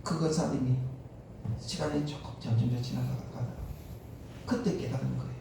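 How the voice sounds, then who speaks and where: A male pastor preaching a sermon, an animated storyteller who acts out the speech of the people in his stories. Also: mid-range voice, moderate pace, gravelly. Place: church sanctuary. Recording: echoey church hall, distant mic, faint noise.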